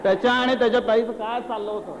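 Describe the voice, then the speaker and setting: A male stand-up comedian with a notably high voice, chatting to a live audience and building his stories from examples. The old recording carries a long hall reverb and a faint background hiss. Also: steady tone, fast talker, crowd noise. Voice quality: chatty, explains with examples and impressions.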